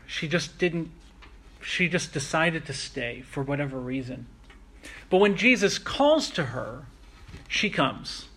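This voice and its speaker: A man preaching a sermon, earnest and reflective, slowing down to stress key phrases. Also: a little high, a bit bright, husky. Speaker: pastor.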